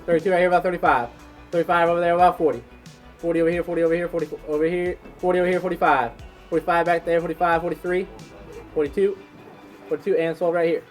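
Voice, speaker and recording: Guy doing auctioneer calls, kinda high voice, repeats the bids, music behind him. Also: steady tone, fast. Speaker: auctioneer and host. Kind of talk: live auction calling of game lots.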